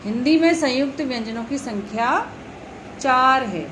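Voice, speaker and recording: A woman's voice: high-pitched, moderate pace, noisy background. A woman teaching a grammar lesson to young schoolchildren, patiently repeating letters and example words. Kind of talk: explaining Hindi grammar to young children.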